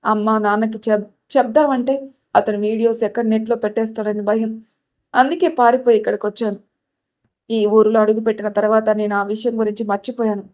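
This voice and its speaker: A woman's voice: fairly high pitch, level tone, fairly quick, a little mellow, close to an everyday voice. A woman voicing a frightened young bride-to-be who pleads through her story. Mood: fearful.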